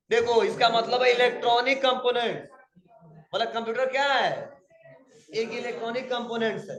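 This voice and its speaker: Male computer teacher with a high voice, quizzing a class in an echoey room. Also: a bit bright. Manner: quizzes students, repeats questions slowly. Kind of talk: classroom quiz lesson.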